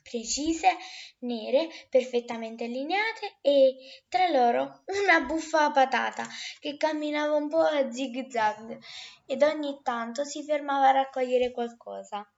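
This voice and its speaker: A woman reading a children's story aloud, gentle and expressive. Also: sits high, unhurried, vocal fry, dull audio.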